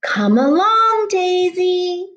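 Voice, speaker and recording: A woman voicing a mother duck who calls after her duckling in a high, sing-song way. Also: sing-song, takes it slowly, mellow, lo-fi sound. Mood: calling.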